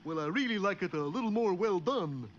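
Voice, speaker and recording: An actor voicing a dim-witted, friendly cartoon moose with a goofy, folksy drawl. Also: male voice, high voice, animated, brisk. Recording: dull hissy vintage cartoon soundtrack.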